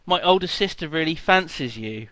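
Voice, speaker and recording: A man putting on an eager young male fan with an exaggerated fake Australian accent, talking in a hesitant, fawning, drawn-out way. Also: fairly high pitch, lively intonation, a bit bright, dry recording.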